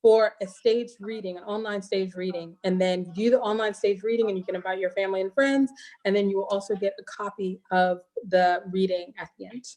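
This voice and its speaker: A woman's voice: medium pitch, steady tone, fairly quick, a little mellow. A woman guest speaking in a heartfelt, earnest, reflective way in a casual interview chat over a video call. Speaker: guest filmmaker and teacher.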